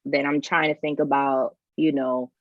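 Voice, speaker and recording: A woman's voice: very deep voice, little pitch movement, normal speed, no room sound, dull audio. A woman co-hosting a casual podcast chat, thinking aloud and restarting her sentences. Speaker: podcast co-host.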